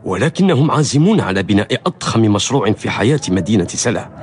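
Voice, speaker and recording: A man's voice: fairly low pitch, very animated, quick pace, darkish tone, breathy edge, heavily acted. Wary, cautioning townsman with swooping intonation. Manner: admonishing, wary. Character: cautious, fearful male friend urging silence. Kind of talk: historical radio drama acting in formal Arabic.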